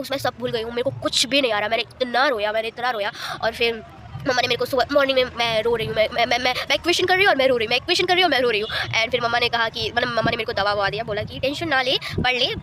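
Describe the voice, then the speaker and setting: A woman's voice: fairly high pitch, noisy background. A teenage girl chatting casually in a vlog, rambling on and mixing in English words. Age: teens. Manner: chatty, rambling Hindi-English code-switching. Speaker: vlogger. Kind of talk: casual chat.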